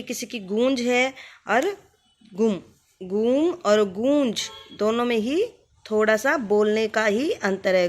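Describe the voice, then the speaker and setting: A woman teaching a writing lesson, who speaks to the viewer patiently and stretches the example words out slowly. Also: fairly high pitch. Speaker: Hindi teacher. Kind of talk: explaining a Hindi writing lesson.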